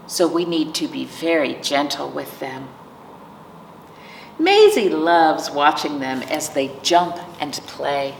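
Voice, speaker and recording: A woman with a low, gravelly voice hosts storytime, reading picture books aloud to young children and adding simple explanations and questions. The recording is roomy, from a distant mic, with faint noise.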